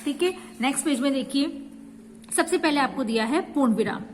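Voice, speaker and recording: A woman's voice: high-pitched, animated, a little fast. A woman teacher explaining a grammar lesson to students, asking herself questions and answering them as she goes. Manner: explains step by step with repeated rhetorical questions. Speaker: school teacher. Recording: echoey room with faint background hiss.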